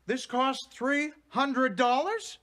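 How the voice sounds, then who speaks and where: A fussy, formal father in a sitcom, choosing his words with deliberate care. His pitch swoops widely, rising sharply when he is exasperated. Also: animated, sharp tone, exaggerated voice. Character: fussy, exasperated middle-aged father and businessman. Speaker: father, would-be milk seller. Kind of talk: sitcom acting.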